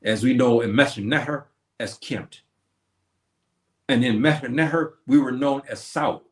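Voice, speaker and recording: A man lectures on history while hosting a stream, sounding preachy and answering the questions he poses. He has a medium-pitched voice and speaks a little slowly, and the audio from his streaming setup is reverberant.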